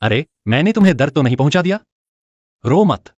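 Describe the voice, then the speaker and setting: A young man playing a calm, reassuring hero in a dubbed drama. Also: on the high side, brisk, no echo, lo-fi sound. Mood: gentle.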